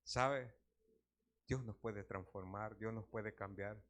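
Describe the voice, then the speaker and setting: A man's voice: on the low side, fairly even intonation, slow pace, fairly bright tone. A man preaching a sermon. He tells stories and asks the congregation questions. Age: 60s. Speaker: pastor.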